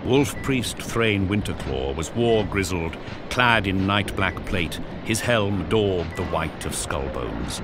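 In a low, expressive voice, a man slowly narrates an audio drama, his storytelling intense, solemn and theatrical. Loud music and the sounds of battle fill the background.

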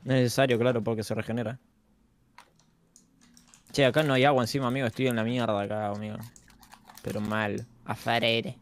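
A man with an Argentine accent playing a game with friends, exclaiming and complaining loudly in casual chat. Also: mid-range voice, level tone, brisk, pauses often. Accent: Argentine Spanish. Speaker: guest player.

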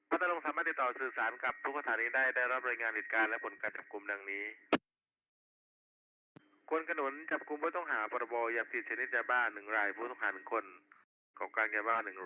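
Man, police dispatcher, walkie-talkie, tinny narrow band, fast clipped procedural read-backs, faint noise. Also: medium pitch. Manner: speaking over walkie-talkie, clipped and formulaic. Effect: two-way radio. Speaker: police radio dispatcher at net control. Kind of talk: procedural police radio roll call, reading back reports.

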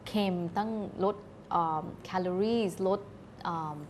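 A woman's voice: mid-range voice, fairly even intonation, unhurried, darkish tone, slight background noise. Polite woman explaining health tips. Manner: polite, explains patiently, mixes in English health terms. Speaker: guest health advisor. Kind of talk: casual talk-show explanation. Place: TV studio.

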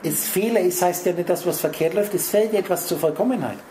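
A man's voice: sits high, fast talker, dark tone, reverberant, a little hiss or hum, rough recording. A man giving a spiritual lecture, rambling and speaking straight to his listeners with lots of wordplay. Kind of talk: spiritual lecture to a small audience. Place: lecture room.

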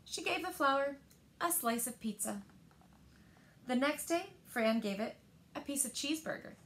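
A library story-time storyteller in her thirties, this woman has a high voice. She reads picture books aloud to little kids indoors in a living room, shaping each line with expressive, deliberate care.

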